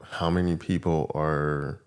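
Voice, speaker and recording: A man's voice: very deep voice, little pitch movement, slow, a little mellow, clean tone. A man co-hosting a podcast in casual chat, thinking aloud reflectively with hesitant restarts and questions. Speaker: podcast co-host.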